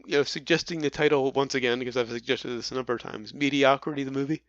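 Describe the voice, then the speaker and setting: A man's voice: mid-range voice, fairly even intonation, quick pace, fairly bright tone, no echo, lo-fi sound. A man co-hosting a casual movie review podcast, chatty and prone to stumbling over his words. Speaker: podcast co-host.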